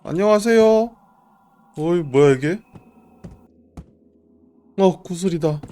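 A man doing live horror game commentary as a streamer, jumpy and reactive, talking to himself and sometimes shouting. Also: medium pitch, expressive, a little slow, faint music behind.

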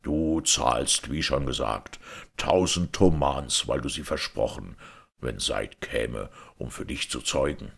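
A man voicing a stern, just caliph in a fairy-tale reading, speaking low and measured. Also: vocal fry, fairly bright tone, husky, heavily acted. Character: stern, just male caliph, grave authority.

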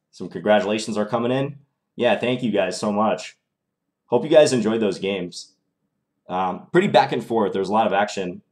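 A young live streamer with a slight Minnesota accent works through his chess moves aloud from a small home room. His voice is lowish with a darkish tone.

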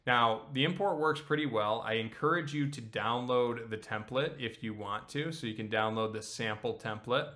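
A man in his thirties teaching accounting software on a screen share, casual and explanatory, often checking in with "okay?". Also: mid-range voice, moderate pace, hardly any pauses. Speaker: accounting instructor.

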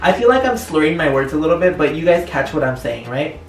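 A man's voice: a little high, big pitch swings, fast. A young man chatting casually and joking through a home cooking vlog in his kitchen. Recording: echoey kitchen, distant mic, faint music.

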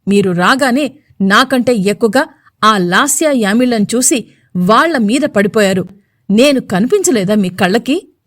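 A woman's voice: a little high, lively intonation, a little slow, fairly bright tone, dry recording, clean studio sound. A woman voicing an injured young man who speaks sternly and angrily to defend his partner in an audio story. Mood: angry. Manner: stern, warning, angry.

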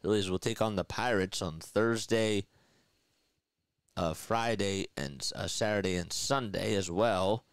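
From a small room in front of his desk setup, a thirtyish man with a Philadelphia accent calls a live baseball game on a headset boom mic, chatty, laughing often, and reading comments from viewers. His fairly low voice is clean and a little slow. The sound is studio-clean with no echo.

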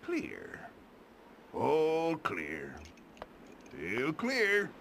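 A man's voice: a little high, wildly swooping pitch, extremely slow, full character voice. A man voicing a greedy, money-obsessed old crab boss who growls like a pirate in a game. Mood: grumbling greedy. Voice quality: gravelly. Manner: growling pirate "arr" exclamations. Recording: loud background noise.

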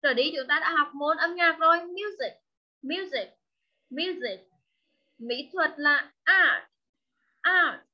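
High-voiced woman teacher drilling words slowly. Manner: drills words by slow repetition; patient, coaxing questions to pupils. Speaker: English teacher. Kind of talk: online class instruction. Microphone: video call microphone. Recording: dull lo-fi online call audio.

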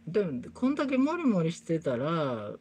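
There's slight background noise as a female livestream host, from Kansai in Japan, talks casually in a Kansai accent and Kyoto dialect while repairing something, muttering under her breath as she works. Her voice is on the low side and darkish, with wildly swooping pitch at a normal speed.

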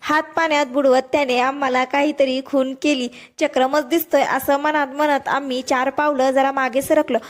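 A woman narrating a first-person story in a steady, descriptive storytelling manner. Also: high-pitched, moderate pace, few pauses.

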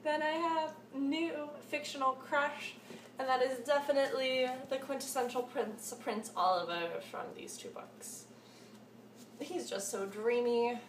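Gushing over books and doubling up words for emphasis, a woman in her twenties vlogs casually from a small cluttered room in her home. Her voice sits high and moves a little slowly. Recorded on a slightly distant camera mic, the audio is echoey with a faint hiss.

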